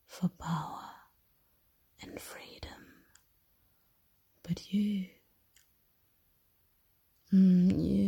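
A seductive goddess of love and fire, voiced by a woman, speaks in an airy, breathy whisper. She draws out every word very slowly, with a gravelly edge and a deep, dark softness. Her hushed, teasing voice stays close and intimate, with a threat beneath it. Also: heavily acted. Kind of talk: whispered ASMR roleplay.

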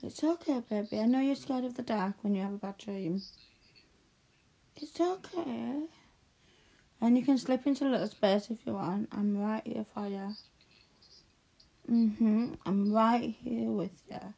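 A woman talks in a hushed, unhurried ASMR roleplay, calming and tender. Her voice is mellow and gravelly with fry at the edges. She often sinks into whispers. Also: fairly high pitch. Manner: soft, soothing, slow and hushed, often drifting into whispers.

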